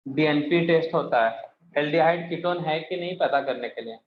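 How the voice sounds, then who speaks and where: A man's voice: fairly high pitch, moderate pace. A man teaching a chemistry class, firing questions at students and addressing them as beta. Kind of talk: classroom lecture. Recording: echoey room, muffled, faint hiss.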